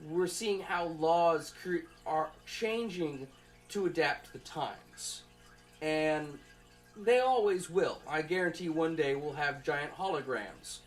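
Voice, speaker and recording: A young adult college student gives an informal class presentation, rambling and halting in a conversational way as if thinking aloud. The voice is medium in pitch and expressive.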